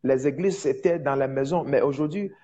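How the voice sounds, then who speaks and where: Male evangelist, non-native French speaker with foreign accent; mellow, emphatic and repetitive delivery, dull recording. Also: medium pitch, husky. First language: not French, speaks it as a second language. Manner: emphatic repetition, halting word searches. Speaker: preacher, prophet. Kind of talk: informal evangelistic teaching.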